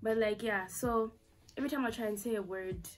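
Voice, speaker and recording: Speaking briskly in a slightly high voice, a young woman with a Zambian accent vlogs from a small bedroom, sharing a personal story with lots of fillers and asides. The camera sits in front of her at desk distance, and faint music plays in the background.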